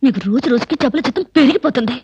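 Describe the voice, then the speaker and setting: A shrill, scolding young wife. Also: female voice, animated, very fast, a little mellow, breathy edge, no room sound, lo-fi sound, exaggerated voice. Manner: shrill, nagging, melodramatic. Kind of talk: 1990s film comedy acting.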